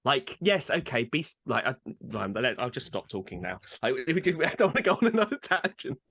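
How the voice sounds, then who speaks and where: A man's voice: a little high, sing-song, brisk, a bit bright. A man co-hosting a podcast, ranting animatedly in casual chat and mimicking people, with frequent swearing. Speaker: podcast co-host.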